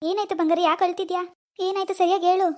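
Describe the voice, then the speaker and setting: Caring cartoon schoolboy, put on by a woman: high voice pushed lower, quick, concerned. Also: little pitch movement. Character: caring teenage schoolboy boyfriend. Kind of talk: cartoon voice acting.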